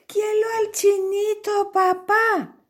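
A woman voicing a lovesick young princess in a high, sweet voice. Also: flat delivery, slow, a bit bright, full character voice. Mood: pleading.

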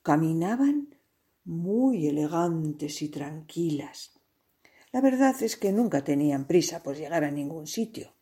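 Woman storyteller, children's tale, slow and breathy, lively rise and fall. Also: low voice. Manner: expressive, slow and playful, with sound effects.

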